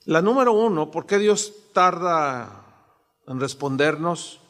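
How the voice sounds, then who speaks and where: A pastor in his sixties preaches an animated sermon. His voice sits high for a man, and a long hall reverb trails his words. He slips into the voices of the people he quotes. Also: slow pace.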